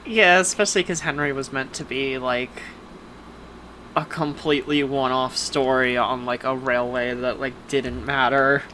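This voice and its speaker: A woman co-hosting a podcast, chatting casually with lots of fillers and quick asides. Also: rumbling low, steady tone, fairly bright tone, slight background noise. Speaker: podcast co-host. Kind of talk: casual chat.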